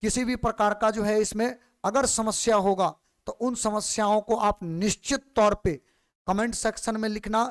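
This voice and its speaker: A male physics teacher, lecturing patiently and repeating questions back to his students. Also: high voice. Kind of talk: classroom lecture.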